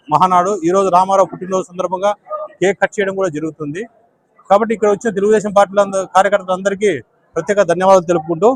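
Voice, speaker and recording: A man's voice: high voice, low-quality recording. A man, a local party organizer giving an earnest, proud statement to a news camera. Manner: earnest, proud, listing achievements.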